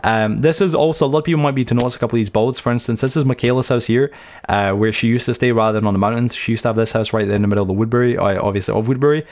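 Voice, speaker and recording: A young British man who hosts a gaming channel offers a chatty, rambling let's-play tour full of stories, fillers and restarts. His mid-range voice is slightly mellow and comes out rapid-fire.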